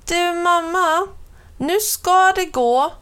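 A woman reading a storybook aloud, voicing an eager, stubborn little boy who calls out excitedly. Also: fairly high pitch, smooth. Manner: excited calling out, insistent.

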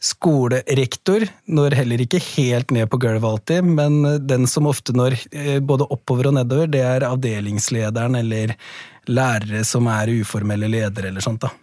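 A school principal being interviewed about his book, speaking thoughtfully with frequent pauses and fillers. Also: medium pitch, darkish tone, no room sound, clean studio sound. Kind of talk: podcast interview.

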